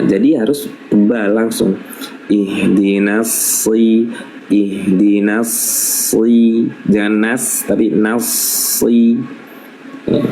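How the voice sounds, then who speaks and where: Man, recitation teacher, low voice, very slow, patient drills, faint room noise. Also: creaky, a little mellow, poor audio. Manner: patient, repeats syllables slowly as models to imitate. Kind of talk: live tajwid lesson.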